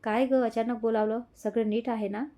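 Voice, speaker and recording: A loyal young man speaks with concern and practical reassurance in an audio story, voiced by a woman narrator. Her voice stays fairly high and mellow. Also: flat delivery, moderate pace, close to an everyday voice.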